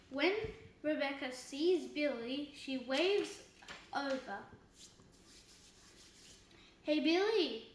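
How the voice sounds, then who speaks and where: A woman reading a children's book aloud, halting, with slips and restarts. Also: high-pitched, slight background noise. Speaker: reader. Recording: roomy echo.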